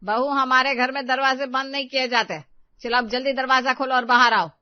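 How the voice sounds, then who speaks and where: A woman voicing a strict, bossy middle-aged mother-in-law who scolds in a loud, commanding voice. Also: a little high, expressive, normal speed, dry recording, pitched above the performer's own voice, close to an everyday voice. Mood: scolding. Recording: slightly dull, dry close recording.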